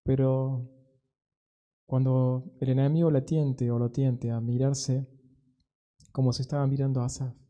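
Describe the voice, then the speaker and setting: Pastor, male, young adult: very dark, mellow voice, earnest sermon delivery with slow emphatic pauses. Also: mid-range voice, level tone. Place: church.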